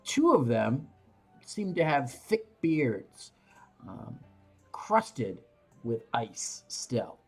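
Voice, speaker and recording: A game master narrates a tabletop scene in halting phrases. The pace is slow and the pitch varies widely, over faint music. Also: big pitch swings, slightly rough. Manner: halting, pausing between phrases.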